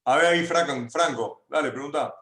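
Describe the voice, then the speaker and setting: A man with a Rioplatense Argentine accent hosts a video call talk, moderating questions briskly. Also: on the high side, a bit bright. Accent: Rioplatense Argentine Spanish. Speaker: interview host. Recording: roomy echoey room.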